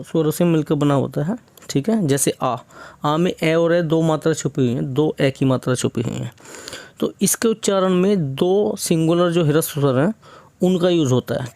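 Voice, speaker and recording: A young man teaches an exam-prep grammar lesson with a slightly raised pitch. He breaks each point into small steps, sprinkles in English words and keeps checking in with the listener. The recording is dry, with no room sound. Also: darkish tone, dry recording. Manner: explains step by step, often says "theek hai"; mixes English words into Hindi.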